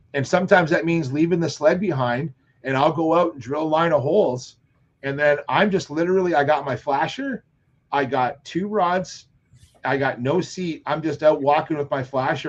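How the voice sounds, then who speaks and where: Casting note: man, fairly high voice, rambling fishing storyteller, lo-fi muffled sound. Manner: rambling storyteller, animated quotes. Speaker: fishing show regular. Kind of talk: casual chat on live show.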